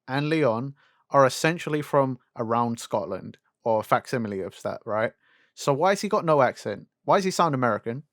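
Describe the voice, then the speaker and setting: A man's voice: medium pitch, dry recording, studio quality. Sweary young man griping in casual chat. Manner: sweary, animated griping with rhetorical questions. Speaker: podcast co-host. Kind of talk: casual chat about animation and games.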